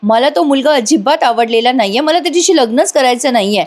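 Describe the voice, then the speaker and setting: A woman's voice: sits high, lively intonation, fast talker, pitched above the performer's own voice. A woman voicing a headstrong young woman who protests against an arranged match. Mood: protesting. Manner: protesting, complaining.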